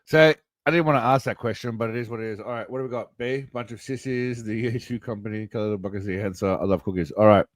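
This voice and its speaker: A man's voice: lowish voice, fast, few pauses, dry recording. A tipsy man hosting a casual livestream quiz, rambling, swearing and reading answer options aloud. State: tipsy, self-described as wasted. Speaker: streamer running a quiz.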